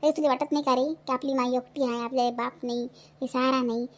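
A high-pitched, sharp-tongued cartoon mother, voiced by a woman, scolding in a broad Vidarbha accent. She is a widow at the end of her patience, nagging and berating her idle grown son. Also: little pitch movement, fast, close to an everyday voice. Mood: furious scolding. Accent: Vidarbha Marathi. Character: scolding widowed village mother, middle-aged, fierce. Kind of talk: cartoon voice acting.

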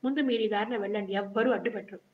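A woman's voice: medium pitch, steady tone, very fast, lightly acted. A woman reading the lines of a clever, bold female painter and go-between who coaxes and scolds, in a children's story reading. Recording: dull lo-fi recording.

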